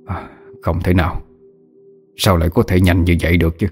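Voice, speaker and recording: A man voicing an older village exorcist who mutters in a low, evasive voice. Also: a little fast, darkish tone, soft background music. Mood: uneasy.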